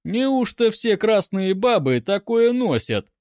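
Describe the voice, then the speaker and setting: Man voicing a young officer, gleeful, excited exclaiming, high voice, lively swings. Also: slow pace, no echo, studio quality, full character voice. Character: gleeful young male cavalry cornet.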